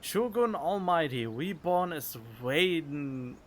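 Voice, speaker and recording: A man with a slightly high, lively voice speaks slowly, reading game text aloud and reacting to it during a casual gaming stream. He's on a close studio condenser mic, with game music playing behind him and slight background noise.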